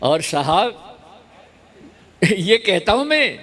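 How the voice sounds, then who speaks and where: Old guy poet doing comic verses, very high voice, sing-song refrain, keeps asking the crowd to clap. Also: very animated, very slow, fairly bright tone, slightly rough. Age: older. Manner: recites verses with a repeated sing-song refrain and spoken asides; urges the audience to clap. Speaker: humorous poet. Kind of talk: comic poetry recital at a poetry gathering.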